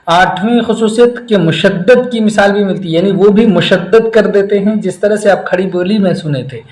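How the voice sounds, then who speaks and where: Male teacher, high voice, explains point by point with filler pauses, roomy echo. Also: darkish tone. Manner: explains step by step with frequent "aa" fillers. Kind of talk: exam prep lecture.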